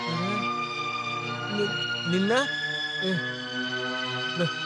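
A man's voice: high voice, level tone, drawn-out words, loud music behind the voice. An actor dubbing a drunk, self-pitying man in a family film drama, slurring and repeating himself. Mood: drunk maudlin. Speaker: younger brother in a family drama. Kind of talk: dubbed film dialogue. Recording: loud film score behind dialogue.

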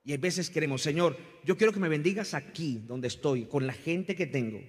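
A male pastor preaches with fervor, his voice climbing and falling as he calls the congregation to repeat after him. His slightly husky voice rings through a church hall with a long reverb. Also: moderate pace. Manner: impassioned preaching, rising and falling in pitch and volume. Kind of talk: sermon.

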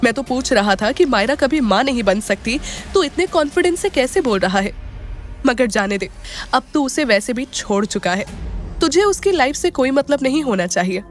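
A woman voicing a quick-tempered young male friend in an audio drama, scolding with a raised voice. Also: sits high, expressive.

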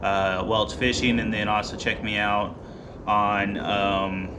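A man in his thirties, a fishing vlogger, casually walking through his gear in a garage, relaxed and rambling with many ums and uhs. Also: fairly low pitch, slow, background noise. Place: garage, seated by boat gear.

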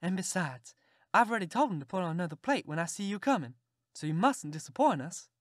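A woman voicing Aunt Sally, a fussy, sharp-tongued Southern farm aunt who scolds and exclaims. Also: fairly low pitch, animated, fast talker, dry recording, studio quality. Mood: welcoming.

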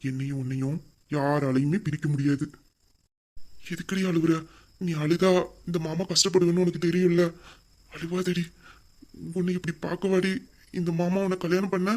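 A young man voicing a loving husband who gently consoles his crying wife in an audio drama. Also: high voice, level tone, moderate pace, long pauses, lightly acted. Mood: tender. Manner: tender, soothing, affectionate. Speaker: husband Veera. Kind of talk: emotional audio drama acting.

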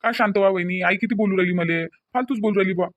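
A man's voice: high-pitched, racing, no echo, lo-fi sound, lightly acted. A man voicing a young son in a cartoon who defends himself and apologizes to his mother, with a Varhadi Marathi accent. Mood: defensive. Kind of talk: cartoon voice acting.

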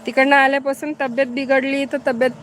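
Woman from Maharashtra, fairly high voice, chatty live-stream host who greets her viewers. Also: flat delivery, quick pace, a little hiss or hum. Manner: chatty, greets viewers and answers their comments.

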